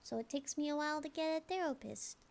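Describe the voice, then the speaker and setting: A woman's voice: high-pitched, fast talker, gravelly, darkish tone. A young woman chatting casually as a livestream host, in a cute, girlish, bubbly anime-streamer manner. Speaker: livestream host, VTuber artist.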